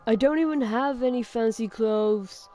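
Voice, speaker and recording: A sulking, guilt-ridden teen boy in a spoken creepy story, as a woman puts him on, loud and protesting. The voice stays close to the reader's own. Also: mid-range voice, moderate pace, soft background music, natural voice. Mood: sulky. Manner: sullen, protesting.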